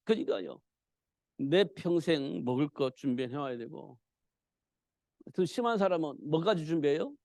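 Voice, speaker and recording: A man preaches a midweek church sermon in a casual, conversational way and keeps answering his own rhetorical questions. His voice sits a little high and has a gravelly, creaky texture. The sound is dry and close, with almost no room echo. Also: animated, moderate pace, pauses often, darkish tone. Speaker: pastor.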